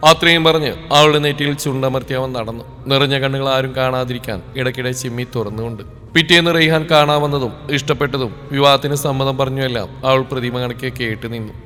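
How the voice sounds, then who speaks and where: A man narrating a novel in a calm, even storytelling voice. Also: medium pitch, a little fast. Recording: reverberant room with background music.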